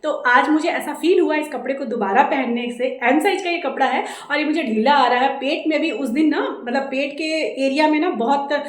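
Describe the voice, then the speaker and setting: A high-pitched woman in her thirties with a Jharkhand Hindi accent, chatting loud and fast to the camera in a casual home vlog. No separate mic, only the camera's own, so her voice carries an echoey room around it. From India. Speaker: vlogger. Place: indoors at home. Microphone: camera mic without a separate microphone.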